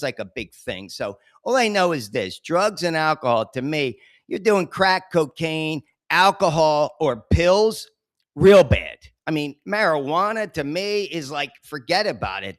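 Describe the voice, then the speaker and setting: Chatty streetwise man, higher-pitched voice. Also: fairly bright tone, no room sound, studio quality. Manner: chatty, rambling, streetwise with frequent asides. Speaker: podcast host. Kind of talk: casual storytelling monologue.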